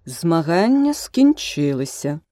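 A woman voicing a pompous, self-important male dodo bird in a storybook reading, speaking slowly and gravely. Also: sits low, very animated, warm tone, no echo, studio quality, exaggerated voice. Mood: solemn.

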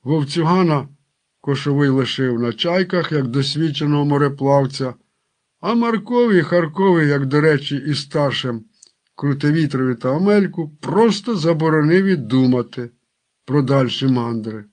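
A man reading a story aloud in an unhurried narrating voice, lightly voicing the characters in their dialogue. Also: fairly high pitch, animated, a little mellow. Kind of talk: audiobook narration with character quotes.

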